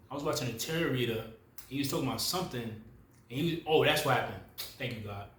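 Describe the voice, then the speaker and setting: A man's voice: mid-range voice, a bit bright, reverberant, slight background noise. A man, talking casually and rambling to the camera as a spiritual video creator. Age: 30s. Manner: loose, rambling, self-correcting, slangy and familiar.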